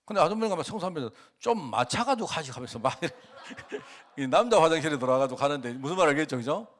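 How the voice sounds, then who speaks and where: A fast-talking pastor preaches in a conversational style. He often puts questions to the congregation, and his voice moves animatedly in both pitch and loudness.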